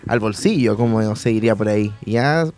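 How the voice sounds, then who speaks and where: A man's voice: lowish voice, brisk, darkish tone. A man with a Chilean accent co-hosting a casual radio show in a playful, teasing way.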